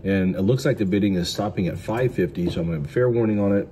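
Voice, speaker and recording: Selling lots at auction, a middle-aged American vlog host talks through them casually in a mellow, fairly low voice at a quick pace. The recording carries clear background noise.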